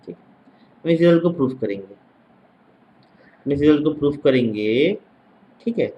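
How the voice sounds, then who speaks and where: A man's voice: a little high, animated, normal speed, muffled recording, a little hiss or hum. A male mathematics teacher giving an exam-prep lecture, repeating each phrase as if dictating and checking in with short tag questions.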